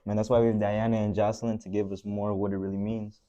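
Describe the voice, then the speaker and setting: Fast dark young male anchor, lo-fi. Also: fairly low pitch, flat delivery. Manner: laid-back, slangy. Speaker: student news anchor. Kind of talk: casual scripted banter.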